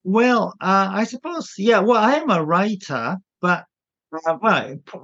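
A Japanese man, a native Japanese speaker, answering interview questions in English with a partly British accent, often pausing to search for words. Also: mid-range voice, lo-fi sound. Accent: Japanese English with British influence. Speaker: guest.

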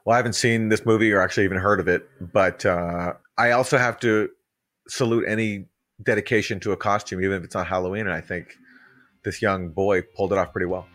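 Low-voiced ironic man podcast host. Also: fairly even intonation, fast talker, fairly bright tone, no room sound, clean studio sound. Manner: mock-solemn, ironic banter. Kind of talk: casual podcast chat.

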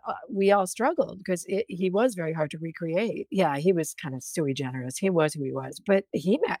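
Lively woman storyteller, dry close sound. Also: lowish voice, no echo. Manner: animated storytelling with frequent restarts. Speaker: guest, journalist. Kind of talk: conversational interview.

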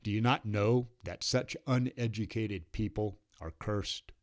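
A scornful male council elder mocks and scolds in a low voice, as a narrator puts him on. He speaks slowly, his contempt drawn out. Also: darkish tone, close to an everyday voice.

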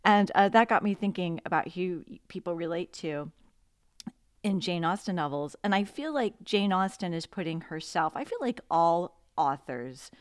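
Female podcast host, low pitch, dry close sound, eager and chatty interviewer. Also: lively intonation, clear, resonant tone, dry recording. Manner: eager, quick reactions and follow-up questions. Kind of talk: casual interview chat.

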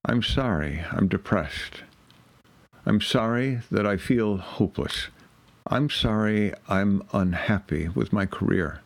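Guy reading as a worn-out er doctor, low voice, sorry after sorry, heavy and drained. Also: takes it slowly, vocal fry. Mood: weary, despairing. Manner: repetitive, heavy, apologetic litany. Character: burnt-out emergency doctor, weary and apologetic.

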